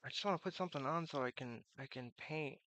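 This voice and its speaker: A man live streaming in casual, rambling chat, with slurred, toothless articulation and a halting, meandering way of talking. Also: on the high side, pushed and bright, no room sound, poor audio.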